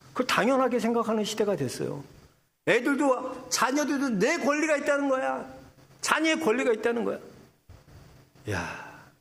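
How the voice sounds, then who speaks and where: A male pastor preaches with a high, very lively voice that swings up and down. He is middle-aged and breaks into short acted voices as he tells his story. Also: vocal fry. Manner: animated preaching, acts out biblical voices. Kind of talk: sermon.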